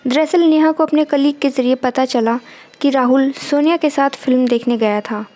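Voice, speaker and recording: A woman narrates a scripted story in a steady, measured reading voice. Her pitch sits high. She tells it plainly, without much show.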